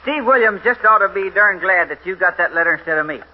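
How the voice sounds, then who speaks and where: An actor playing an easygoing cowboy sidekick in a 1950s radio drama, drawling and casual with hesitant fillers, on a dull lo-fi old recording. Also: male voice, high-pitched, animated, quick pace.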